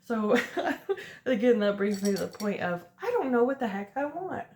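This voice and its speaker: This late-20s vlogger, talking to the camera as she does her makeup, keeps up a chatty, laugh-filled get-ready-with-me ramble. Her voice is a little high, very animated, and darkish in tone at a moderate pace, and the recording is reverberant with a slight hiss or hum.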